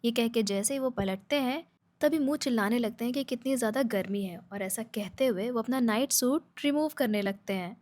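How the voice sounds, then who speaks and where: Woman narrating a lively drama recap. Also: on the high side, fairly quick. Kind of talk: casual storytelling recap.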